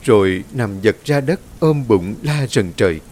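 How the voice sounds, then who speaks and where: A man reading a horror story aloud in a dramatic, expressive way. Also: on the low side, a little slow, slight background noise. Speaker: story narrator. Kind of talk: scripted horror story narration.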